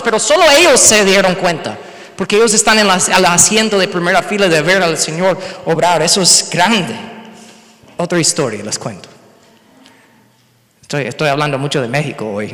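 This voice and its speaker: High bright-voiced preacher guy, animated storytelling, words slipping in, long hall echo. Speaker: pastor. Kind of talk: sermon with personal story.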